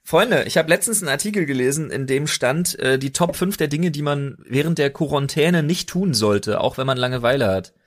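A young man on a podcast, ranting deadpan in mock earnest about wild conspiracies in casual chat. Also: on the high side, a little fast, few pauses. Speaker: podcast host.

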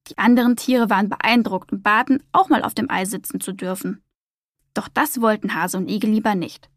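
A woman narrating a children's storybook in a calm, expressive reading voice. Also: medium pitch, fairly quick, dry recording, clean studio sound.

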